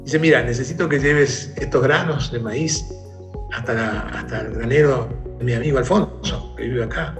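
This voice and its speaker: A man's voice: mid-range voice, moderate pace, over music. A man as an interview guest, telling a story in conversation and acting out the calls of its characters. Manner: animated, acts out shouted calls in the story.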